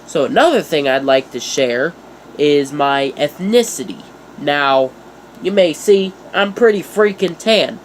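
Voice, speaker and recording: Congested from a cold, this young man chats loosely with his YouTube audience in a vlog, joking around and throwing in self-deprecating remarks. His voice sits high, and there's a little background noise.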